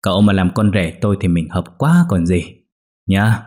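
A man's voice: deep voice, animated, moderate pace, a little mellow. A man voicing a jovial older village man who teases a young guest in a folksy way. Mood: teasing. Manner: teasing, folksy.

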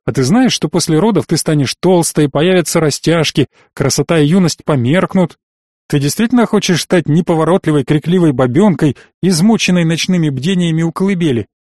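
A man's voice: fairly high pitch, lively intonation, normal speed, darkish tone, no room sound, clean studio sound. Man voicing a domineering, menacing noble father. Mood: coldly persuasive. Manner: patronizing, then harsh and threatening. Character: domineering older nobleman father, cold, scheming. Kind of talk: audiobook character voice.

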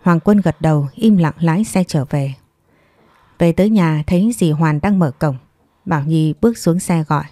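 A woman narrates a scripted audiobook story in a steady, even voice. Her tone is low and warm. The recording is dry and close to the mic. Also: moderate pace, no room sound.

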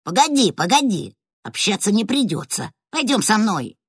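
A woman's voice: mid-range voice, sing-song, normal speed, breathy edge, no room sound, studio quality, voice pushed up. A woman reading aloud voices a cocky male pet rat, eager and teasing. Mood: sly.

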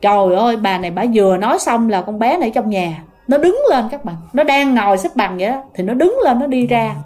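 A woman's voice: fairly high pitch, brisk. A woman telling a ghost story casually, talking directly to her listeners. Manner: animated, addresses listeners directly.

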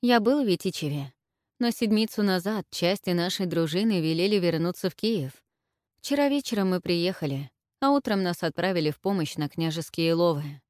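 A woman's voice: on the low side, expressive, moderate pace, a little mellow, no room sound, studio quality, lightly acted. Zhelan, a woman reading an earnest young warrior.

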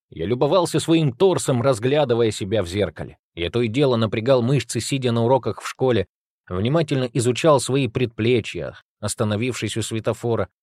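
A man's voice: medium pitch, a little mellow, no echo, studio quality. A man reading an audiobook in sardonic first-person narration that swings into agitated outbursts. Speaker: audiobook reader. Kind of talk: scripted narration.

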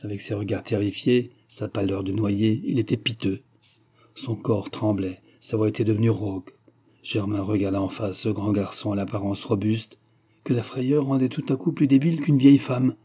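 Low-voiced, husky male narrator. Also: fairly even intonation, moderate pace, dark tone. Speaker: audiobook reader. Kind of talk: scripted narration.

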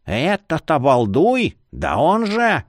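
A man's voice: fairly high pitch, wildly swooping pitch, slow, heavily acted. A man voicing a stern female sorceress mentor who scolds and hisses. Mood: scolding. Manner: scolding, hissing.

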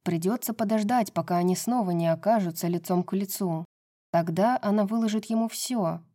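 A woman narrating a romance novel as an audiobook, in an even reading voice. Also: medium pitch, a little fast.

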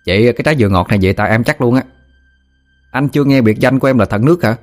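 A man's voice: mid-range voice, very fast, soft background music, voice pushed up, lightly acted. A man with a Southern Vietnamese accent voicing a young village boy who pouts, whines and boasts. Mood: boastful. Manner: pouting, whiny, cocky.

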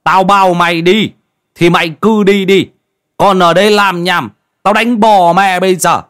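A man's voice: high-pitched, steady tone, normal speed, a bit bright, smooth, voice pushed up. A man voicing a rude, short-tempered old man who barks threats, in a story reading. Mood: angry. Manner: barking, threatening. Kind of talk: storybook voice acting.

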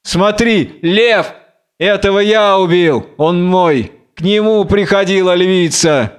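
A man's voice: sits high, takes it slowly, clear, resonant tone, voice pushed up. A man reading aloud as a blind, raging biblical strongman, with wild, taunting, exalted declamation. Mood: menacing. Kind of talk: theatrical audiobook reading.

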